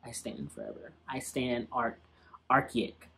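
A man's voice: medium pitch, flat delivery, a little slow, pushed and bright, breathy edge. A young man giving casual, slangy and sassy commentary as he reacts to an old TV episode.

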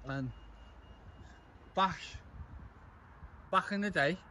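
A man's voice: high-pitched, very slow, sharp tone, a little hiss or hum. Tipsy young man. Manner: rambling, chatty, repeats himself. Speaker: vlogger. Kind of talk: casual walking vlog commentary. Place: outdoors on town streets at dusk.

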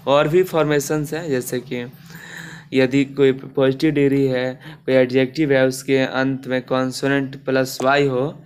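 A man's voice: mid-range voice, flat delivery, measured pace, clean tone. A man teaching a grammar lesson, explaining step by step with many fillers and restarts.

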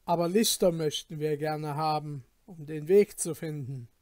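A man's voice: a little high, unhurried, darkish tone, no echo, studio quality, lightly acted. A man voicing a composed young student who speaks up among travellers at an inn, in a storybook reading. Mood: coaxing. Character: young male student, calm and clever.

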